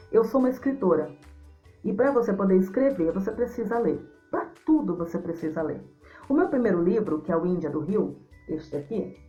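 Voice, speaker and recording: A woman's voice: medium pitch, warm tone. Brazilian female storyteller, effusive interview guest for kids; slightly dull audio, faint music bed. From Mato Grosso do Sul, Brazil. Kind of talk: interview answers for a young audience.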